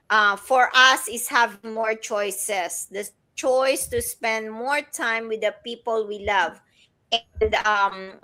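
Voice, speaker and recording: Woman hosting a livestream, bright and a bit high, takes her time. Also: low-quality recording. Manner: friendly, introduces speakers. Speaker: livestream host.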